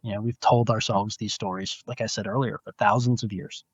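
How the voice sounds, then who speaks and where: A man with a low voice works through his answers with care, picking his words and restarting as he goes. The sound comes over a video call and is dull and lo-fi. The audio is dry, with no room echo. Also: fairly even intonation, husky. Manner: measured, explanatory, with frequent restarts. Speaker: guest, philosophy professor. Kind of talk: thoughtful interview answers.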